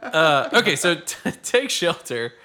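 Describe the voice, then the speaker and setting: A man's voice: a little high, very animated, unhurried, sharp tone. A man hosting a podcast with friends, talking in a loose, rambling, joking way. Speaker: podcast host. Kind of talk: casual chat.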